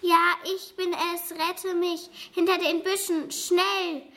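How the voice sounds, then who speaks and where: A woman voicing a grumpy female fire witch with a rough, snappish voice in a read-aloud story. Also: on the high side, a little slow, slight background noise, lightly acted. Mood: frightened. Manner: snappish, rude.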